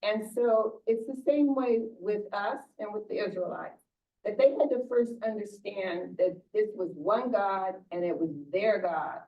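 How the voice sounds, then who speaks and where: A woman's voice: medium pitch, measured pace. An older woman pastor giving an informal, conversational sermon, often restarting and repeating words. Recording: distant muffled church recording.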